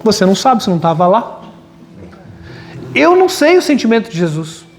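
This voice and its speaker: A male pastor preaching a lively sermon at a church retreat, with humor and acted-out quotes. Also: sits high, brisk, slight background noise. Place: large hall at a retreat. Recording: long hall reverb.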